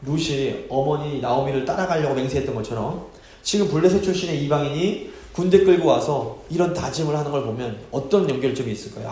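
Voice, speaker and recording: A man with a fairly high voice preaches a midweek Bible study in a church sanctuary. He talks expressively and keeps putting rhetorical questions to the listeners. His voice rings out with a heavy echo off the walls of the hall. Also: warm tone. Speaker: pastor.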